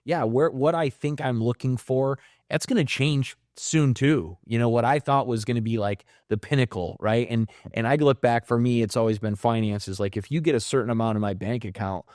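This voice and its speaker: A middle-aged man hosting a podcast, talking in a relaxed, conversational way and often checking in with right. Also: mid-range voice, normal speed, hardly any pauses, no room sound, studio quality. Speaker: podcast host. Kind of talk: casual conversation.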